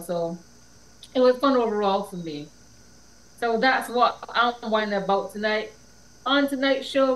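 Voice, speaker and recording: A woman's voice: a little high, rough recording. A woman hosting a live online talk show, chatting in a rambling, easygoing way. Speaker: podcast host. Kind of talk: casual live-stream chat.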